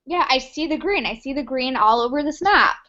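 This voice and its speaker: A woman's voice: sits high, expressive, fairly quick, bright, forceful tone, highs cut off. A woman playing an indignant, stubborn army commander, argumentative and exasperated, in an improv comedy sketch. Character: indignant, stubborn army commander who sees only green.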